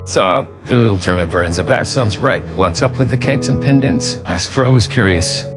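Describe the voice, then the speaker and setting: A man's voice: fairly low pitch, normal speed, over loud music, natural voice. A man voicing an easygoing father in a fan story reading. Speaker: voice actor as the father.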